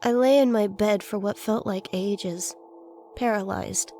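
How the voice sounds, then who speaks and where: A woman's voice: medium pitch, a little slow, dark tone, faint music behind. A woman reading a scripted first-person horror story as its narrator. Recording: faint noise and ambience behind voice.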